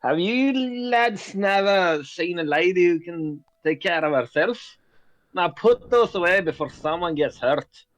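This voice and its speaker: A man's voice: high-pitched, animated, measured pace, fairly bright tone, voice pushed up. A man voicing a self-assured gnome woman merchant in a friendly, folksy put-on accent. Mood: scolding.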